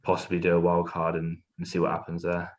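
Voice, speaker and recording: A man speaking as a podcast guest in a relaxed, slangy way. His voice is very low and even. He talks easily and casually, thinking aloud as he goes. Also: fast talker, highs cut off.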